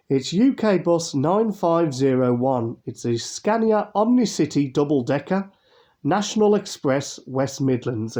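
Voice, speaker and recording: Rambling and chatty, with plenty of fillers and restarts, a man narrates a YouTube unboxing in a mid-range voice. The tone is mellow and dark, though nasal and congested as he recovers from a cold.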